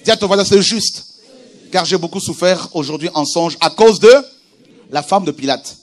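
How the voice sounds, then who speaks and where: A man preaching a sermon with animated delivery, moving from quiet scripture reading to shouted exclamations. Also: on the high side, moderate pace. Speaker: pastor.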